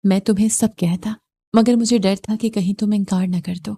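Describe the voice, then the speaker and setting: A rude young husband laying down blunt, curt demands, voiced by a woman reader. The tone is mellow and dark, and the delivery stays close to her everyday voice. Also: mid-range voice, fairly even intonation, close to an everyday voice. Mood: brusque. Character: brusque, possessive young husband.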